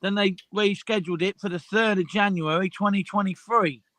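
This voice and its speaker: A man's voice: high voice, fairly even intonation, fairly quick, fairly bright tone, no echo. A man in his fifties in a casual group chat, often stammering and repeating himself as he tells a story. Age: 50s.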